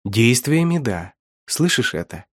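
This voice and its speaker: A man's voice: mid-range voice, very animated, unhurried, dry recording, clean studio sound. A man voicing a cruel, mocking male villain who taunts his captive in an audiobook. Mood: gloating. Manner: taunting, sneering, laughs at his victim. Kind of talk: audiobook reading.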